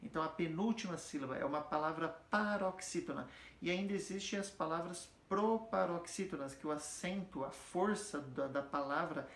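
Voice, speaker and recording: A man's voice: fairly high pitch, a bit bright. A man teaching music theory in an easygoing, conversational way. He stops often to ask whether his listeners are following along. The room around him gives his voice a noticeable echo. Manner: explains patiently, checks understanding with frequent tag questions; sings or chants example words slowly to demonstrate stress. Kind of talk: casual explanatory lesson. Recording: echoey room.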